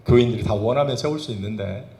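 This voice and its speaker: A man's voice: lowish voice, fast talker, darkish tone, a little hiss or hum. A male pastor preaching a Sunday sermon, firing rhetorical questions at the congregation with emphatic bursts. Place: church sanctuary. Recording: roomy church reverb.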